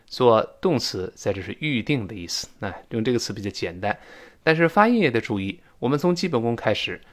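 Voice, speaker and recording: A man teaching English pronunciation in a lively, joking way, demonstrating sounds aloud. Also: mid-range voice. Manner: animated, jokey, demonstrates sounds. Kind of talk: lively spoken lesson.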